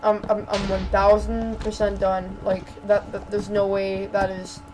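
Lady doing game commentary, keeps tripping over her words, slow and fed up, mid-pitch voice. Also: little pitch movement, noisy background. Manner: stammering, repeats words, exasperated ranting. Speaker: gaming channel host. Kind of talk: gameplay commentary.

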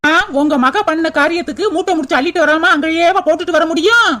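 Woman voicing a sharp-tongued cartoon sister-in-law. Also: very high-pitched, fast, heavy background noise. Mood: angry. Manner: snapping, sarcastic, shouting. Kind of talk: Tamil cartoon dubbing.

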